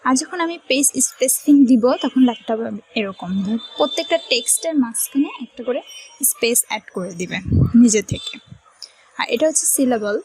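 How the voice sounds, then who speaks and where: Husky woman explaining software step by step. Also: on the high side, no echo, poor audio. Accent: Bangladeshi Bengali. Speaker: computer tutorial teacher. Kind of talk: screen-recorded software tutorial.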